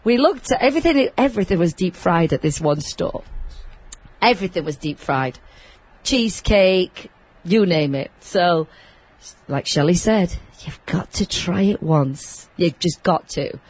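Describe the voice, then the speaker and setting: A woman hosting a show, chatting loudly and laughing often. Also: fairly low pitch, lively intonation, unhurried, husky, rough recording. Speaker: host. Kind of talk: casual chat.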